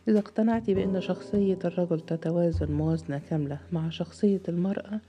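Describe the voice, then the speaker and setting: A woman voicing a calm, condescending middle-aged male psychiatrist who speaks in a cool, measured, lecturing way. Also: on the low side, dull audio, lightly acted.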